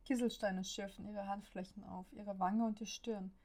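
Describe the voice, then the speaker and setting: Woman narrating a story in a flat voice. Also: mid-range voice, normal speed. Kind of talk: audiobook narration of an amateur story.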